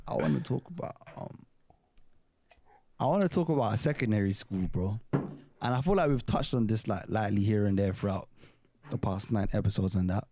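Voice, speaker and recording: A man's voice: fairly low pitch, moderate pace, mellow, a little hiss or hum. Young London roadman guy chatting casually. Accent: London urban roadman slang accent. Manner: slangy, loose, talkative. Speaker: podcast co-host. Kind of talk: casual banter and chat.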